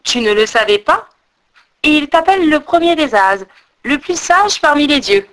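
A woman's voice: mid-range voice, expressive, measured pace. A woman voicing a mocking, boastful male squirrel in a storybook tale. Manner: taunting, boastful.

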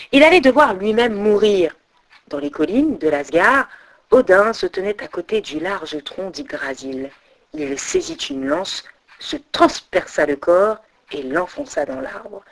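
A woman storyteller narrating a myth in an expressive, dramatic reading. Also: mid-range voice, creaky.

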